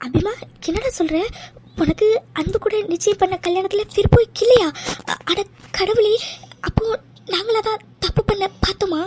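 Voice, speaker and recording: Cartoon mother, high, soft and apologetic, a woman voicing her. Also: moderate pace, slight background noise. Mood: anxious. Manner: soothing, anxious. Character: middle-aged mother, tender and apologetic. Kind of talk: cartoon voice acting.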